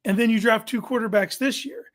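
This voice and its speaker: High-pitched man debating sports casually. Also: steady tone, a little fast, a bit bright. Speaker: sports talk show host.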